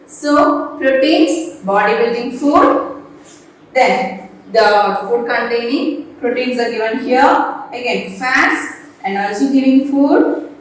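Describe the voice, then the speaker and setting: A woman's voice: a little high, a bit bright. A woman teaching a class at a board, repeating her points and quizzing the students. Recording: echoey room voice from far off.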